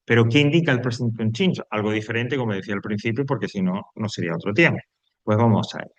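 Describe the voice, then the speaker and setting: A man's voice: on the low side, quick pace, no room sound. A man recording an online English grammar lesson for Spanish speakers, patiently repeating each rule step by step. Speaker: English teacher.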